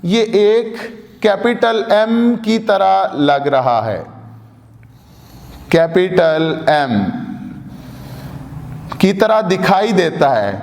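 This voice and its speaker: Slow, high-voiced man teaching in an echoey room. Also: animated, gravelly, darkish tone. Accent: Pakistani Urdu. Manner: patient, repeats and demonstrates sounds. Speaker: language teacher. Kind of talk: slow explanatory lesson. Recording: echoey room with long reverb.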